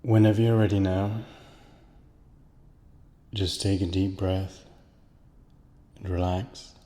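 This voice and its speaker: A man guiding a listener through a slow, soothing hypnosis relaxation, counting down and repeating calming phrases. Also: deep voice, in a large hall. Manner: slow, soothing, repetitive induction. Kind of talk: guided hypnosis relaxation script.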